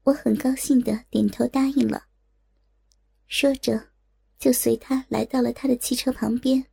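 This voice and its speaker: High, creaky woman storyteller. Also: fairly even intonation, moderate pace, warm tone. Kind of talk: first-person story narration.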